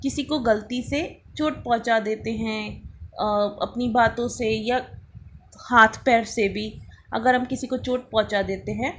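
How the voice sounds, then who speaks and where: A woman's voice: a little high, a little hiss or hum. A woman teaching a beginner English lesson in Hindi, spelling words out letter by letter and prompting learners to repeat after her.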